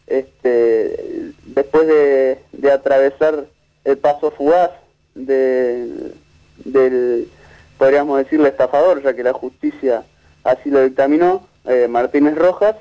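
Guy explaining media stuff, lots of "eh" and "este", kinda muffled lo-fi sound. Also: mid-range voice. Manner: measured, analytical, with frequent fillers and restarts. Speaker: media researcher and lecturer. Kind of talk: interview guest analysis.

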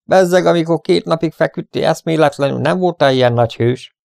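A man's voice: mid-range voice, creaky, no room sound, clean studio sound, voice pushed up, natural voice. A man voicing a smug, cruel male bandit who mocks and gloats. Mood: gloating. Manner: mocking, gloating.

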